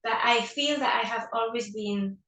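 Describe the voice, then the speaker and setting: A woman's voice: on the high side, normal speed, fairly bright tone. A woman guest, a life coach, talking enthusiastically in a casual interview and laughing often. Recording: roomy echo, mic at a distance.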